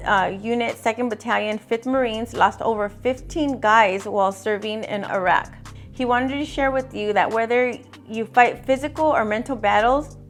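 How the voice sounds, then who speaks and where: A woman reading scripted sponsor announcements as a podcast ad narrator. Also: fairly high pitch. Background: music.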